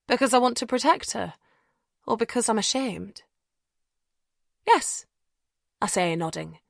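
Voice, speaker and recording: A woman reading a first-person mystery audiobook in a measured, reflective way. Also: fairly high pitch, animated, vocal fry, dry recording, clean studio sound. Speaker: narrator. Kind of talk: scripted audiobook narration.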